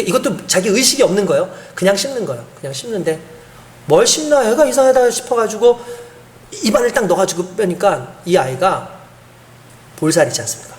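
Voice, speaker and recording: A man preaching a sermon as pastor, telling a story and swinging between hushed and emphatic delivery. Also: high-pitched.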